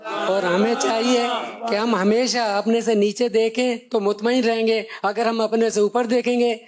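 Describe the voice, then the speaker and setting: A man, a studio guest, telling a moral story in a steady, earnest way. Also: extremely high pitch, crowd noise.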